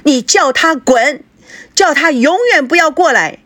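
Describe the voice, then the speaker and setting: A woman voicing a heartbroken, angry young daughter who lashes out in high, drawn-out cries. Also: very animated, fairly bright tone, slightly rough, no echo, exaggerated voice. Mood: anguished, furious. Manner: shrill outbursts, slowed and pitched up.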